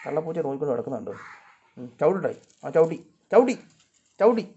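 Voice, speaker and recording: A man's voice: on the high side, big pitch swings, quick pace, breathy edge, highs cut off. A man, vlogging in casual talk as he coaxes and calls out to his cats outdoors at home. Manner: coaxing, calls out loudly to the cats.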